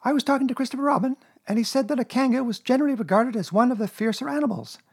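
A man's voice: very high-pitched, rapid-fire, breathy edge, voice pushed up, exaggerated voice. A man voicing a very small, timid piglet in a children's storybook, earnest, wordy and nervous. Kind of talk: children's storybook character reading.

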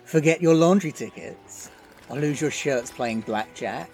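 A man's voice: on the high side, unhurried, darkish tone, soft background music, rough recording. A man playing a smug, leering townsman in a comic Western audio drama showdown.

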